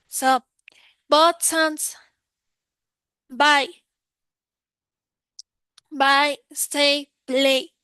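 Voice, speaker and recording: A woman's voice: high-pitched, bright, forceful tone, dry recording. A woman with a Mexican accent teaching English grammar in a recorded lesson, explaining step by step, repeating examples and answering her own questions.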